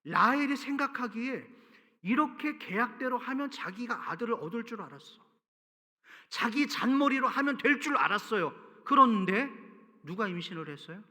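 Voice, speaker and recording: A male pastor giving an animated, storytelling sermon and cueing the congregation to read aloud together. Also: very high voice, moderate pace. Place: large church sanctuary. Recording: reverberant church hall.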